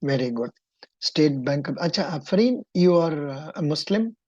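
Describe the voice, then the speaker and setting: A woman interview coach speaks in a low, mellow voice with a Kannada-influenced Indian English accent. She is encouraging yet probing, giving instructions as she goes, and the audio is dull and lo-fi. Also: animated, moderate pace, no room sound.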